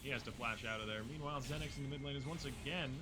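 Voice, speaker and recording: Male esports caster, mid-pitched, lively play-by-play with dry humor, faint hiss behind. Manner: quick, lively play-by-play with wry jokes. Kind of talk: play-by-play commentary.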